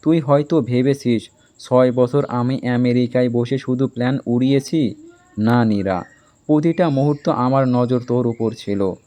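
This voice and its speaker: A man voicing a possessive, domineering young army captain who speaks slowly and sternly, stressing each word. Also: medium pitch, warm tone, close to an everyday voice. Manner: slow, stern, emphatic.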